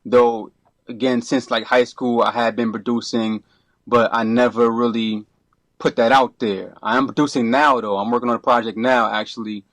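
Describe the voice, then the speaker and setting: A middle-aged man from Brooklyn, a podcast guest who talks in a relaxed, rambling way, full of restarts and you-knows. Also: mid-range voice, moderate pace, dry recording. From Brooklyn, New York. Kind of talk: casual interview.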